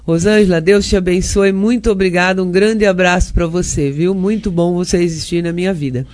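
An older woman with a Brazilian accent, a councilwoman guest on a radio interview, hoarse from a cold and chatting warmly with frequent tag questions. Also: fairly low pitch, fairly even intonation, brisk.

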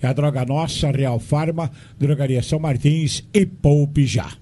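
Mellow male local radio announcer. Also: fairly high pitch, a little slow.

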